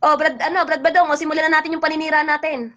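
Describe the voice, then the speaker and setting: A woman's voice: sits high, level tone, sharp tone, highs cut off. A woman hosting a casual livestream chat, talking in an indignant, scolding way. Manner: indignant, scolding, talks fast. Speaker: livestream host.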